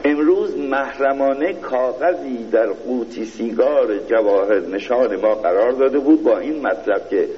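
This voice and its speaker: A man giving a satirical reading in a mock-royal court style, slow and pompous. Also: mid-range voice, muffled recording, slight background noise. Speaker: reader of a satirical piece.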